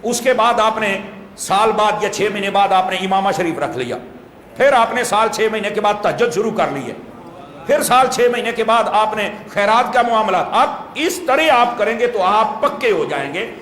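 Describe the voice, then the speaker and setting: High-voiced preacher in an echoey hall. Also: male voice, animated, fairly bright tone. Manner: explains patiently, asks the listeners rhetorical questions. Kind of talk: sermon. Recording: echoey hall with faint ambience.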